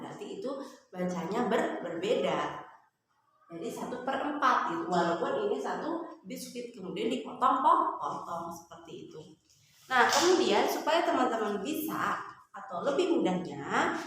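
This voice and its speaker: A young woman teacher explaining a lesson to young pupils, patient, often asking them questions and then answering herself. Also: mid-range voice. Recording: very echoey room with faint background noise.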